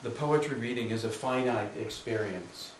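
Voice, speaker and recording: A man giving a live poetry reading, introducing his poems with many hesitations and reading them slowly and deliberately. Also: mid-range voice, very noisy. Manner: hesitant, filler-heavy introductions; slow, measured reading. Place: room at a live reading with an audience. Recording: roomy, distant mic with faint ambience.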